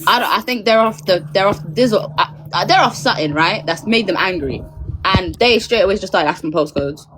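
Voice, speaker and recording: A woman's voice: medium pitch, brisk, noisy background. A woman in a live online group argument, explaining and pushing back in slangy speech.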